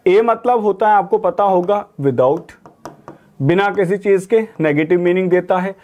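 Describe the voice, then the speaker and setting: A young adult Indian man with an Indian accent who teaches exam vocabulary online and talks to students in a friendly, coaching way, reading English definitions slowly and carefully. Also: high voice, darkish tone.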